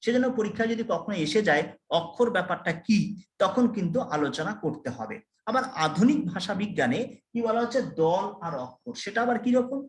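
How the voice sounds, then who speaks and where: A man lecturing a college class, explaining slowly, repeating key terms and putting questions to his students. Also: high-pitched, lively intonation, reverberant.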